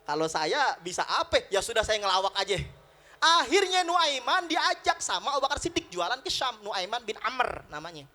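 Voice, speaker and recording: A male preacher, telling stories in a lively, joking sermon at a prayer room celebration. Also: extremely high pitch, normal speed. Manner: lively storytelling with jokes and acted-out voices.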